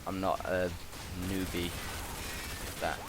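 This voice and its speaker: A young man with a British accent and a low voice rambles casually through a commentary. He speaks hesitantly and meanders from thought to thought on a headset mic, with a steady buzz and hiss behind him. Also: takes it slowly. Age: young adult. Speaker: gaming video commentator, university student. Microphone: gaming headset. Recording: constant buzzing, hissy background noise. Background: constant buzz and hiss.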